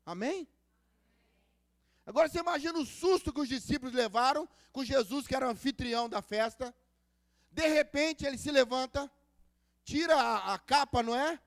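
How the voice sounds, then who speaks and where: A man with a very high voice preaches a sermon, as a pastor does. He tells stories and acts out the dialogue, and he keeps asking the congregation to answer him. The sound is dry and close, with almost no echo. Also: moderate pace, long pauses. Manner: asks the congregation for responses. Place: church service.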